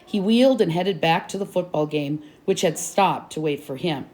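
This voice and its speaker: A woman's voice: lowish voice, normal speed, darkish tone. Woman reading a chapter book aloud.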